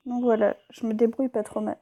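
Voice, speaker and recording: A woman's voice: a little high, flat delivery, a little fast, dark tone. A woman hosting a let's play, chatting casually and stumbling a little over her words. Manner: chatty, hesitant, with fillers and stumbles when reading. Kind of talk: casual gameplay commentary.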